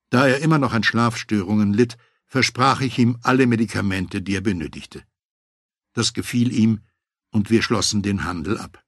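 A man reading a first-person memoir aloud as an audiobook narrator, in a measured, matter-of-fact way. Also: fairly low pitch, slightly rough, no echo, studio quality.

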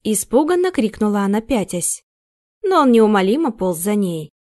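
A woman narrating an audiobook in an even storytelling delivery. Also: mid-range voice, normal speed, dry recording, studio quality. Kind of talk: scripted narration.

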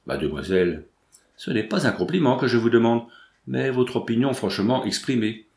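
Bold, quick-witted young woman, read by a man. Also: medium pitch, expressive, gravelly, darkish tone, echoey room. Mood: eager. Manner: eager, pressing questions. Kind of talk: audiobook dialogue reading.

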